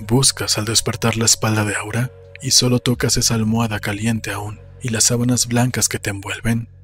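With a lowish voice and flat delivery, a man narrates literary fiction for an audiobook in a measured, solemn way. The scripted reading comes from a small indoor room, desk microphone near his mouth, headphones on, soft music playing.

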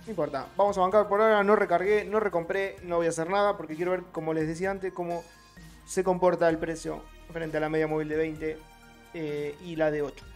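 Rioplatense man, live stream commentator; chatty, greets the chat, gravelly tone with soft music behind. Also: a little high, level tone, fairly quick. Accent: Rioplatense Spanish. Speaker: trading streamer.

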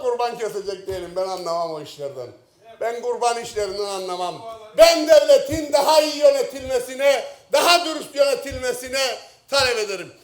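A middle-aged member of parliament from Northern Cyprus, with a Turkish Cypriot accent, delivers a heated speech at a lectern microphone in the parliament chamber. He swings from low jabs to shouted outbursts, and the chamber gives a roomy echo.

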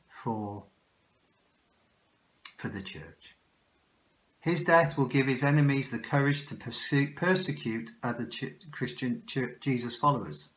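An older man with a Welsh English accent preaching a sermon recorded at home, speaking earnestly and often restarting his words, close to a phone or webcam in a small room. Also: mid-range voice. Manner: slow, earnest, with frequent restarts. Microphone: phone or webcam close in front.

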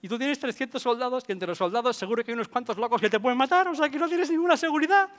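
A man's voice: very high voice, racing, voice pushed up. A man voicing a shrewd, mocking old street beggar who lectures insistently. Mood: explaining. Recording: long hall reverb, soft music.

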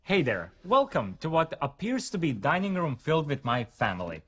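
A man hosting a product launch, his voice rising and falling in a lively way as he jokes. He keeps poking fun at himself between scripted lines, playful throughout. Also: on the high side, moderate pace, slight background noise. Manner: playful, self-mocking, joking asides. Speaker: launch event presenter. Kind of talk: scripted comedic product presentation.

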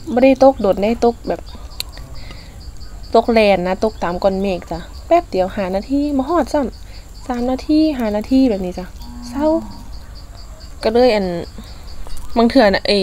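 A woman with an Isan accent chatting casually as she eats in a food vlog, using soft polite particles. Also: mid-range voice, slight background noise. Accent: Isan (Northeastern Thai). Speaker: food vlogger.

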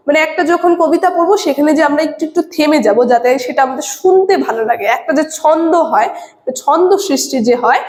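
High-voiced woman teacher in echoey room. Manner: explains patiently, often adds tag questions. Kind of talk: classroom lecture.

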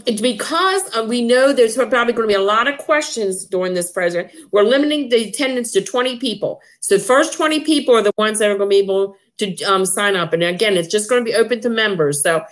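Upbeat woman host, fairly high voice. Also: expressive, fast, hardly any pauses. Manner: enthusiastic, repeats herself with many fillers. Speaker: association president hosting. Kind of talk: casual promotional chat.

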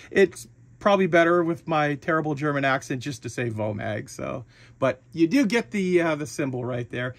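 A man casually talking through the parts of a model kit, chatty and relaxed, with frequent fillers and restarts. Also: a little high. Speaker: hobby shop owner reviewing a model kit. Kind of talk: casual product walkthrough.

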